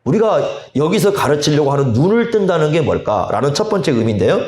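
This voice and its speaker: A male pastor preaching a sermon, slow and deliberate, often asking the congregation rhetorical questions. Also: fairly high pitch, big pitch swings, a little mellow. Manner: slow, deliberate delivery with drawn-out phrases. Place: church sanctuary. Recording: echoey church hall.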